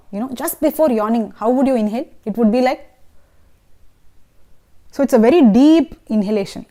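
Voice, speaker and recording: Woman vocal coach, patient explainer, slightly high pitch, lesson delivery with sung demos. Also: mellow. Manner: patient, explanatory, checks in with "okay?" and "right?". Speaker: singing teacher.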